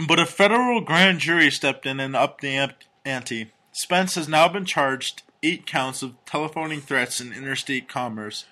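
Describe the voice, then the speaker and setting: A man co-hosting a casual comedy podcast, reading strange news stories and personal ads aloud with crude, deadpan jokes. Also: medium pitch, normal speed, hardly any pauses. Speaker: podcast co-host.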